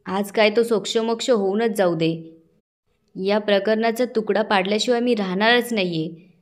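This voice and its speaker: A furious mother shouts at everyone to defend her daughter, high and sharp, as a woman acts her out. She is defiant and refuses to calm down. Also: moderate pace, lightly acted. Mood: angry.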